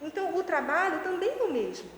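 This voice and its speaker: A woman educational psychologist from Brazil chatting and giving teachers lively tips with everyday examples. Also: very high voice, quick pace, creaky. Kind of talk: casual explanatory chat. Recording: echoey room with faint noise.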